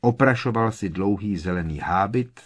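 Low-voiced man narrating a storybook. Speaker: audiobook narrator.

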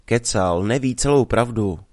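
A man reading a story aloud, voicing a calm, evasive young village man who teases his sweetheart. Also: fairly low pitch, no echo, clean studio sound, lightly acted. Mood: sly calm.

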